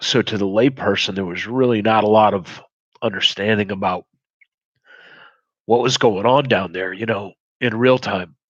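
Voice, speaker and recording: Deep-voiced man telling a blunt story. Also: normal speed, no room sound. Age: 40s. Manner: blunt and profane, reflective. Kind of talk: candid personal storytelling. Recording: dull, muffled sound.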